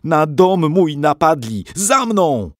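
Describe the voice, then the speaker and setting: A man's voice: fairly low pitch, wildly swooping pitch, slow pace, a little mellow, slightly rough, no room sound, studio quality, heavily acted. A man voicing a brave, anxious seventeen-year-old nobleman who speaks urgently. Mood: shouting. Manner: urgent, pressing.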